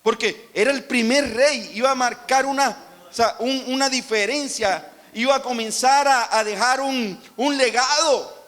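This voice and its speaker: A male pastor with a Colombian Caribbean Spanish accent delivers a sermon in a high voice. He keeps turning to the congregation with questions and asks them to answer back. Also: unhurried, a bit bright.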